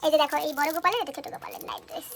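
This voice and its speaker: A woman's voice: high-pitched, huge pitch swings, very fast, heavy background noise. A woman chatting casually in a home vlog and showing things to her viewers. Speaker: vlogger.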